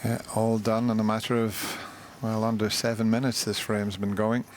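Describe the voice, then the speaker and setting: A man's voice: lowish voice, little pitch movement, moderate pace, slight background noise. A man giving live snooker commentary as a broadcast commentator. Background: snooker arena crowd.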